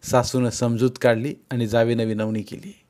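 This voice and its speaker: A man reads a short story aloud at a mid pitch. His delivery is steady and expressive, and he keeps the narration moving. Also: moderate pace. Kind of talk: storytelling reading.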